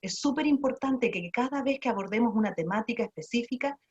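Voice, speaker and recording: A woman speaks in a fairly high voice, giving an online lecture on early childhood learning. She keeps asking rhetorical questions and restarting her sentences as she explains. The sound is dull and lo-fi, typical of a video call. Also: lively intonation, brisk.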